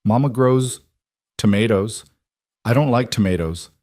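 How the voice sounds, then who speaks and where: A man's voice: lowish voice, measured pace, a little mellow, no echo, studio quality, close to an everyday voice. A man voicing a frightened little girl trapped under rubble, answering in small, faint words. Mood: frail.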